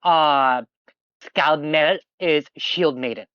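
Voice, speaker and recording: A game master on a tabletop stream talks a player through the options very slowly, in a medium-pitched voice that is smooth and fairly bright. The delivery is chatty and explanatory, loose and rambling with plenty of fillers, recorded dry with the highs cut off.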